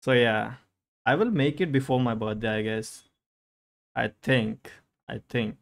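Young male streamer, Indian English accent, mid-pitched voice, playful and teasing with chat. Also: measured pace, vocal fry. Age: young adult. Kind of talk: casual live-stream chat.

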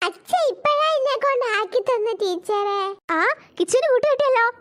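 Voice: very high voice, lively intonation, fairly quick, fairly bright tone. A voice actor playing a kindly preschool teacher who coaxes and soothes little children in a cartoon. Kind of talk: cartoon voice acting.

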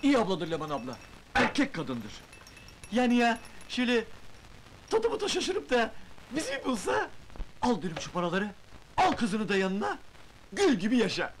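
A gruff, quick-tempered janitor. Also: male voice, sits high, wildly swooping pitch. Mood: gloomy, wistful. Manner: gruff, talks back loudly. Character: grumbling young working-class man, quick-tempered. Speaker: building janitor. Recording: 1980s film soundtrack with faint hiss.

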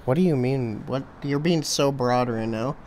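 A man's voice: medium pitch, moderate pace, a little mellow. Brief: young male podcast co-host, casual profane banter, faint hiss behind him. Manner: profane, teasing, breaks into mocking put-on voices. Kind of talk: casual comedic chat.

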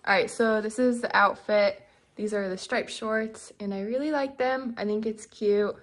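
A woman in her twenties, a vlogger and model, talks casually and chattily in a personal weekend vlog. She films with the camera held at arm's length, and her mid-range voice is steady at a normal speed.

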